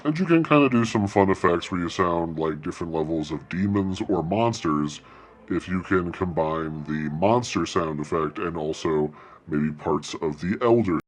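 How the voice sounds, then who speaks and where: A man speaking through a voice changer filter that turns him into a gravelly robot-monster voice, chatting casually. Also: low voice, lively intonation, moderate pace, pitched below the performer's own voice. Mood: playful. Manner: chatty, explanatory.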